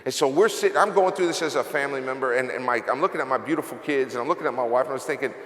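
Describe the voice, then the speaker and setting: A company executive gives closing remarks in a large convention hall, delivering a confessional motivational speech while fighting back tears. His mid-range, fairly bright voice races along very fast, and the hall adds an echoey reverb.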